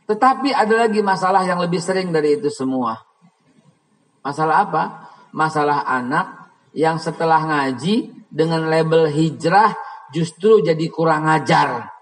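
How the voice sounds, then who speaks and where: A man's voice: a little high, moderate pace, pauses often. A man preaching a dawn sermon, telling stories, acting out the people in them and rising to heated, passionate peaks. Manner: storytelling, acts out quoted voices, rising to heated, passionate outbursts. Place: mosque hall. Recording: long reverb of a mosque hall.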